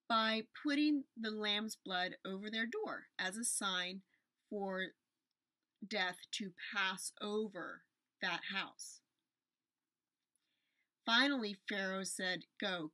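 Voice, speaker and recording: A woman's voice: medium pitch, sharp tone, no room sound. A woman in her forties telling a Bible story to children on a webcam from a small room at home, gesturing as she talks. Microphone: webcam at desk distance.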